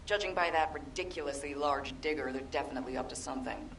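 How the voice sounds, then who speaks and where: Tough low-voiced field operative. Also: female voice, quick pace, recorded from a distance, noisy background. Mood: commanding. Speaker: mission guide. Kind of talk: game dialogue. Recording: roomy game audio from afar, music.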